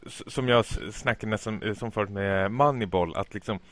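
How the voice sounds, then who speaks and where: A man's voice: fairly low pitch, a bit bright, no room sound. A man co-hosting a casual chat podcast, talking enthusiastically and swearing casually. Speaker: podcast co-host. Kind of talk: casual chat about film trailers.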